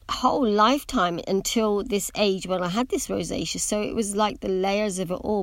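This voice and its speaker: A lowish, creaky voice with no room sound belongs to a middle-aged woman hosting a podcast. She muses candidly and hesitantly about personal matters, drifting from thought to thought, her braces occasionally muddying her pronunciation.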